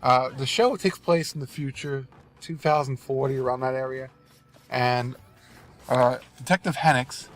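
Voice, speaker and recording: This gaming host speaks unhurriedly at a medium pitch, his voice nasal and congested with a cold. Driving along, he rambles through casual gameplay commentary and apologizes often.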